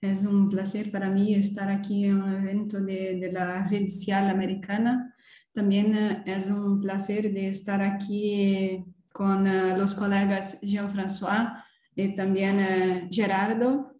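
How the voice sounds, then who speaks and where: A woman's voice: mid-range voice, flat delivery, slow pace, dark tone. A woman in her thirties, a native Portuguese speaker with a Brazilian accent, giving a seminar presentation and hesitantly searching for words. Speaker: academic presenter. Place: indoor room. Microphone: video call. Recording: roomy, echoing video call.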